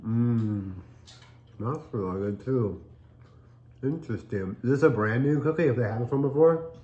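Warm-toned and mid-range, a middle-aged dad from the United States talks cheerfully at a moderate pace while eating his way through a casual cookie review he co-hosts, stopping to chew and taste. The room echoes and the audio is dull and lo-fi.

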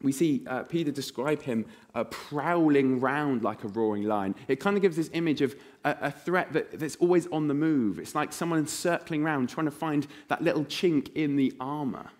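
A man preaching a sermon in church, telling vivid stories and acting out voices in a hushed tone. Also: fairly high pitch, normal speed, few pauses.

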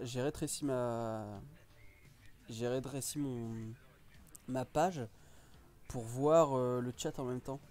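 A man's voice: mid-range voice, a little mellow. A man hosting a casual live stream, chatting and reacting to viewers' comments.

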